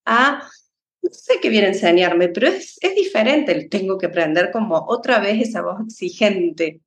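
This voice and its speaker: A woman, a psychologist guest in a conversation, explaining in a calm, unhurried way. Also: mid-range voice, reverberant. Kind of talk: interview conversation.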